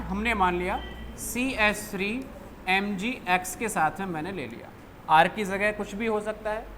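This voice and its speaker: A young man teaching a chemistry class who keeps asking questions and answering them himself, dropping low on each answer. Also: a bit bright. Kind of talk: classroom lecture. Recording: faint background noise.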